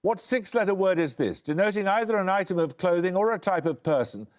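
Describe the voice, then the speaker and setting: A man hosting a quiz show, reading questions crisply and giving dry, wry introductions. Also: high-pitched, animated, a little fast. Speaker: quizmaster.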